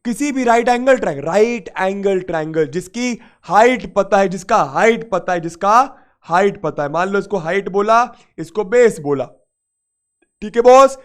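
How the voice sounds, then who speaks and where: A young man teaching maths in a live online class, lively and repetitive, coaxing students with playful asides, his throat slightly sore. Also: sits high, normal speed.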